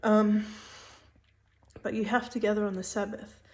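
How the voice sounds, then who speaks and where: Woman doing a casual bible teaching, lots of ums and restarts, pretty average pitch. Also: little pitch movement, unhurried. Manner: hesitant, many fillers and restarts, soft-spoken. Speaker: religious teacher.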